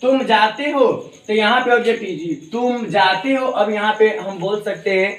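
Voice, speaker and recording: A man's voice: sits high, moderate pace, fairly bright tone. A man teaching an English grammar lesson, drilling example sentences over and over and calling his students his dear children. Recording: echoey room, voice from far off.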